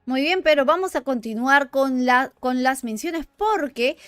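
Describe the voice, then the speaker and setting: Female host, high pitch, dry close sound, brisk moderating of a news stream. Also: expressive, no echo, soft background music. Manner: moderating, moves the segment along. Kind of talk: live news commentary.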